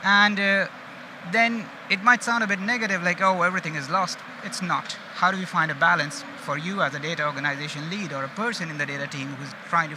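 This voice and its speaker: An informal, conversational conference talk comes from a man from India, a data engineering manager with an Indian accent and a somewhat high voice, who often asks his audience how they're following. He stands on an open stage at a crowded exhibition, with loud hall noise all around.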